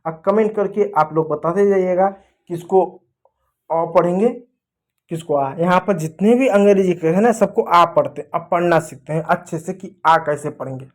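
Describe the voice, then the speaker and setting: A man teaching children with drilled repetition. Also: high voice. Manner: asks questions and answers them himself, repeating words slowly and loudly; addresses children affectionately. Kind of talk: classroom-style phonics lesson.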